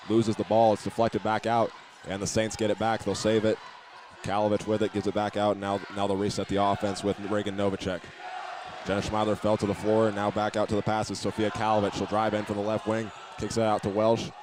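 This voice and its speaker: A man with a lowish voice and a completely flat, brisk delivery calls a basketball game live. His play-by-play is matter-of-fact, occasionally stumbling and repeating words, over noisy gym ambience.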